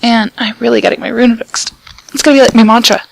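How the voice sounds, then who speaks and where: A woman's voice: a little high, fairly even intonation, quick pace, gravelly, low-quality recording. A woman casually chatting and commenting on a game she is playing with a friend, playful and self-mocking. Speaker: gaming channel co-host.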